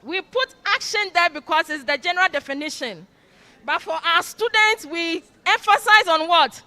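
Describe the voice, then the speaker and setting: High bright woman lecturing in a hall. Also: lively intonation, normal speed. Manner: quizzes audience with fill-in "what?" prompts. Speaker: orientation speaker. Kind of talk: orientation lecture. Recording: long hall reverb.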